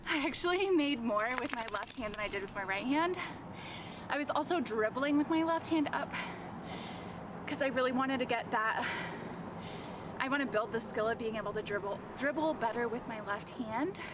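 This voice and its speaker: A woman's voice: fairly high pitch, animated, moderate pace. Chatty woman vlogging from a distant camera. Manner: chatty, narrating her own workout as she goes; sometimes short of breath from exercise. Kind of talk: casual vlog narration. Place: outdoor basketball court. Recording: distant mic, noisy outdoor ambience.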